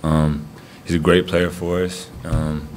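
A young man, a college basketball player, answering postgame press questions in a low-key way with lots of fillers, seated at a table mic in a press room. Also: flat delivery, takes it slowly, darkish tone, slight background noise. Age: young adult.

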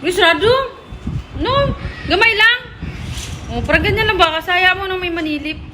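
Woman vlogger, high voice, playful teasing chatter, noisy phone recording. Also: fast, sharp tone. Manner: playful, teasing, laughs often. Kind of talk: casual teasing house-tour chat.

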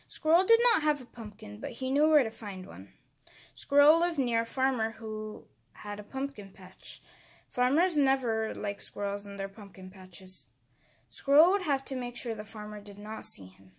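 A woman reading a children's picture book aloud, clear and expressive as she tells the story. Her voice sits a little high. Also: moderate pace. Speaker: narrator. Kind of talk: children's read-aloud narration.

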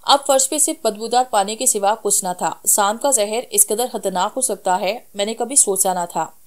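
A woman narrating a horror story in a steady, measured reading voice. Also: medium pitch.

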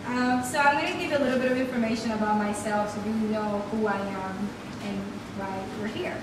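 This upbeat guest speaker from the Dominican Republic, a native Spanish speaker, delivers a faith-filled motivational talk at a hotel meeting room in a mid-range voice that moves a little fast. The recording comes from a far-off camera aimed at her stand-mounted podium mic, leaving it echoey and noisy.

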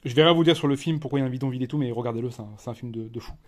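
A man with a French accent giving a casual unboxing commentary as a collector, chatty and halting, with many fillers and restarts. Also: mid-range voice. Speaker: collector reviewing a disc edition.

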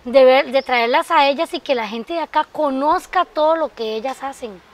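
A woman's voice: high-pitched, moderate pace. A woman who teaches a sewing workshop, a guest on a TV interview, talking in a heartfelt, emphatic way about her students. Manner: heartfelt, emphatic, addresses the host by name. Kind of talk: interview answers.

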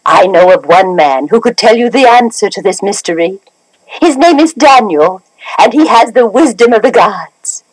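Wise queen mother, played by a woman, breathy and reassuring, dry studio. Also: mid-range voice, expressive, normal speed, no echo, lightly acted, low-quality recording. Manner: soothing, reassuring. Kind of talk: 1970s storybook record drama.

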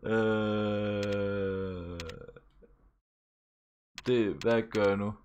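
A man's voice: on the low side, fairly bright tone. A young man streaming a game live, reading dialogue aloud, swearing and laughing as he plays. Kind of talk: casual live game commentary.

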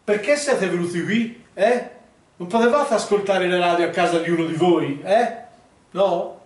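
A man's voice: high-pitched, normal speed, lightly acted. A middle-aged man playing a grumpy, put-upon householder in an amateur comedy sketch, challenging others in a Tuscan accent. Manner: tags questions with a challenging "eh". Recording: very echoey room, far from camera mic.

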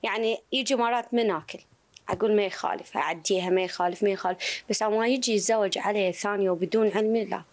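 A woman's voice: mid-range voice, steady tone, quick pace. A woman in her thirties with an Iraqi Arabic accent, giving a personal account as an interview guest. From Iraq. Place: small indoor room. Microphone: handheld reporter mic held close.

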